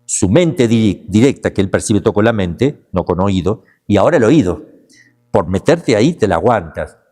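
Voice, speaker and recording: A man, a priest, teaching a class in a lively, emphatic way, repeating words and slipping into brief mocking voices. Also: lowish voice, moderate pace. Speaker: priest teaching a demonology course. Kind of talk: lecture class.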